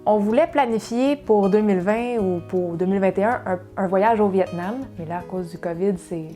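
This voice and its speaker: A chatty woman from Saguenay, Quebec, with a Québécois French accent and a mellow, medium-pitched voice, co-hosts a cooking channel. She moves fast through a casual Q&A chat, peppering it with fillers and restarts. A little music plays faintly behind.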